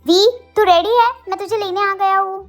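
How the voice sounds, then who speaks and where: A woman's voice: very high voice, steady tone, normal speed, soft background music. A woman voicing a cocky, playful young male best friend in a Hindi fan audio story, boastful and joking.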